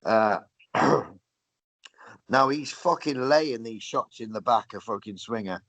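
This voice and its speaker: A man's voice: medium pitch, slow pace, fairly bright tone, dry recording, rough recording. A man, a podcast co-host chatting casually, sarcastic and sweary as he recaps a match. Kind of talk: casual chat reviewing wrestling.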